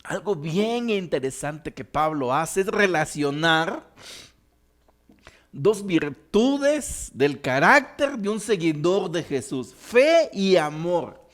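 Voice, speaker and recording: A man leads a Bible study in an earnest teaching voice. His voice sits high for a man, and he slows down to lean on the words that matter. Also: very animated, fairly bright tone.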